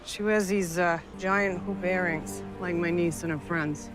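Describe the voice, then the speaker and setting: A woman's voice: lowish voice, fairly even intonation, unhurried, music in the background, close to an everyday voice. A woman playing a blunt, sardonic federal agent. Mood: businesslike. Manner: direct, sardonic. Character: blunt, tough female federal drug agent. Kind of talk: naturalistic TV drama acting.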